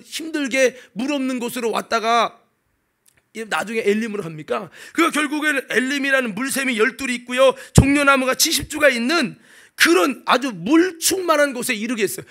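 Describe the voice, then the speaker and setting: A man preaching a sermon, telling the story dramatically, swinging between loud exclamations and hushed asides. He keeps asking the congregation rhetorical questions. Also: very high-pitched. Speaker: pastor.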